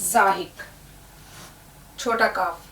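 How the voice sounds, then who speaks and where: A woman's voice: mid-range voice, extremely slow, fairly bright tone, a little hiss or hum. A woman teaching an Urdu lesson, patiently spelling words out letter by letter. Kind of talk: language lesson. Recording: echoey room, distant mic.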